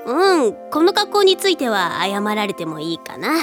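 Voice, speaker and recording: A woman's voice: medium pitch, very animated, normal speed, music in the background, close to an everyday voice. A woman voicing an easygoing, friendly teenage girl with casual, wry remarks.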